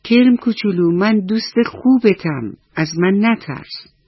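A husky-voiced woman voicing a worried, soft-hearted little girl in a radio bedtime story, a bit higher and more pleading than her narration. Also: animated, no echo. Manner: fretful, pleading, raised voice. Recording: slightly dull radio recording.

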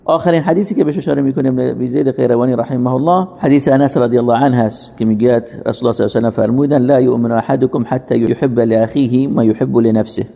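A man's voice: mid-range voice, steady tone, gravelly, few pauses, warm tone, muffled recording. A man giving a religious lecture, earnest, asking and answering rhetorical questions. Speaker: religious teacher. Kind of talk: sermon-style lecture. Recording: long hall reverb.

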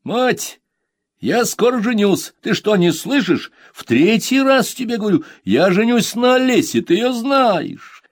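A carefree young son, as a man acts him out, teasing and offhand. The voice sits higher than the reader's own. The sound is dry and close. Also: very animated, a little slow, no room sound, full character voice.

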